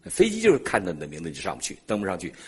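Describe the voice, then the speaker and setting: A middle-aged man preaching and telling a personal story in an animated way, laughing often. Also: deep voice, racing, slightly rough. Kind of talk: sermon testimony storytelling.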